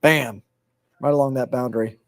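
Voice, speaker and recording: A man co-hosting a live weather stream, easygoing and reassuring as he reads out towns and tells viewers they are in the clear. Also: mid-range voice, steady tone, normal speed. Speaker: weather co-host.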